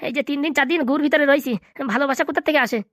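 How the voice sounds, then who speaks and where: A woman's voice: high-pitched, fairly even intonation, very fast, fairly bright tone, no echo, studio quality. A woman voicing a humbled young male captive in a cartoon comedy dub, begging and eager to please. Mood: pleading.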